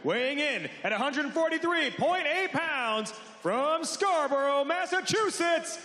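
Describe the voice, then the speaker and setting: A man announcing a fight to an arena crowd, calling out names in drawn-out booming calls. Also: expressive, bright, forceful tone. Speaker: ring announcer. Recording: echoey arena with long reverb.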